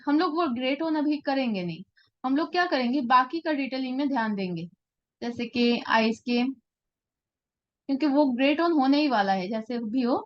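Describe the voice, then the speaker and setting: A woman's voice: high voice, lo-fi sound. A woman teaching a live portrait-drawing class, explaining patiently and often checking that her students follow. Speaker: art teacher.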